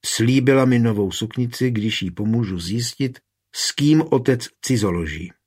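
A man with a husky voice reading an audiobook, raising his voice for an impulsive, bitter young woman. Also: medium pitch, darkish tone, close to an everyday voice. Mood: confessing.

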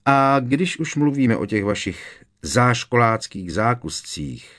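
A man's voice: mid-range voice, big pitch swings, a bit bright, voice pushed up. A man voicing a clever, bossy teenage schoolgirl in an audiobook, curt and matter-of-fact. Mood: reproachful.

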